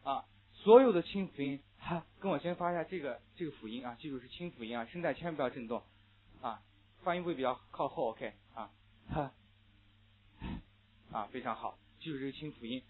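A male English teacher gives a classroom lecture on linked sounds in listening tests, with "ah" fillers and slow repeat-after-me drills. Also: medium pitch, animated, breathy edge. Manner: explains rules with frequent "ah" fillers, then models words slowly. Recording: tinny phone-like audio.

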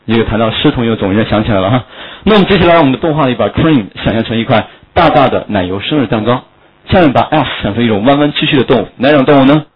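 A man teaching English vocabulary in a lively classroom lecture, full of rhetorical questions and jokey memory tricks. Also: mid-range voice, rapid-fire, husky. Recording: dull lo-fi lecture recording.

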